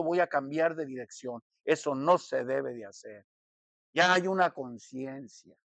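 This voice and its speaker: A male pastor preaching a sermon in a church, teaching slowly and deliberately, repeating and restarting phrases as he explains. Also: high-pitched, no echo. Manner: deliberate teaching, slowing to stress key words.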